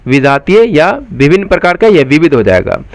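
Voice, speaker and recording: Man spelling words slowly, fairly high voice. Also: sing-song, dry recording. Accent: Bihari Hindi. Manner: spells words slowly letter by letter, then explains quickly; asks the viewers questions and answers them himself. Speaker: exam coaching teacher. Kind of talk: spoken spelling lesson, letter by letter.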